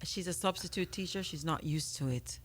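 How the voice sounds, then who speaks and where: A woman's voice: fairly low pitch, fairly quick, heavy background noise. A woman from Jamaica co-hosting a radio show, chatty and frank. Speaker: radio co-host. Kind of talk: casual radio chat.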